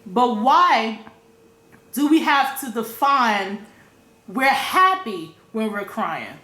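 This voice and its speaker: A woman's voice: a little high, very animated, takes it slowly, bright, forceful tone, roomy sound. A woman vlogging her opinions in a blunt, profane way, repeating her points for emphasis. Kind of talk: casual opinion rant.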